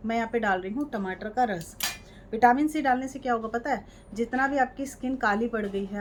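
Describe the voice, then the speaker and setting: A woman chatting casually through a home beauty remedy, often checking in the viewer. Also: medium pitch. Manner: chatty, repeats "ठीक है" and "ये देखो". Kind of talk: casual how-to demonstration. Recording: light background noise.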